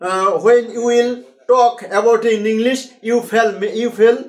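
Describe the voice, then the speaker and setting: High-voiced Bengali teacher drilling a class. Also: male voice, fairly even intonation, drawn-out words, echoey room. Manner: drills students with call-and-response, mixes Bengali and English. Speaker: English teacher. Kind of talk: classroom English lesson.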